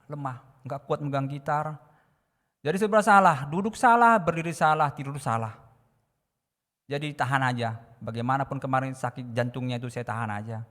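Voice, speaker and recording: A man giving a testimony in a church service. He speaks fervently and sometimes shouts prayers. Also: medium pitch, fairly even intonation, a little fast, in a large hall. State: recovering from illness. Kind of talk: sermon testimony.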